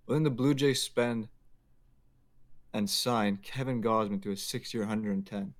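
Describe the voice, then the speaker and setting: A man's voice: fairly low pitch, fairly even intonation, a little slow. A young man from Quebec co-hosting a sports podcast, opinionated and emphatic, with joking rants. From Quebec, Canada. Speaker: podcast co-host. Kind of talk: casual sports podcast chat.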